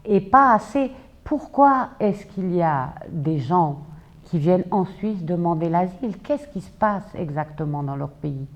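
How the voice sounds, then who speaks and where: A woman with a fairly low voice speaks in an interview. She is thoughtful and raises questions as she talks. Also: animated, measured pace, highs cut off. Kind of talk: interview commentary.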